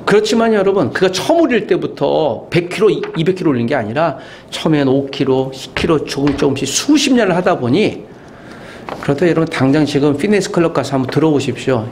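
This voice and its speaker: Animated male preacher with lively pitch. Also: a little fast, a little hiss or hum. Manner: animated preaching with rhetorical questions and sudden pitch leaps. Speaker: pastor. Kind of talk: sermon. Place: university chapel room.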